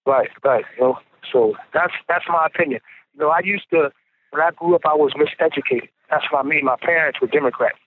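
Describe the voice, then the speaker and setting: A fairly high-voiced man talks a little fast on a prison payphone, squeezed into a thin, tinny phone band. He speaks earnestly as an incarcerated interviewee in a casual phone interview, often stumbling and repeating words as he pushes his point.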